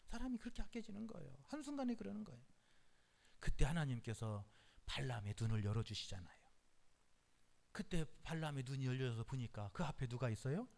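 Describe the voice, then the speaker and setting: A man's voice: medium pitch, big pitch swings, fairly quick, creaky, a little mellow. A male pastor preaching a midweek sermon in an emphatic, repetitive way, calling out hallelujah often.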